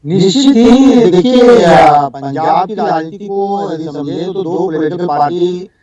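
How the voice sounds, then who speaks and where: A man's voice: high voice, unhurried, crowd noise. Man heard distant with a cave-like echo. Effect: cave-like echo on his voice. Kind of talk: guest on a political panel. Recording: echoey remote line from far off.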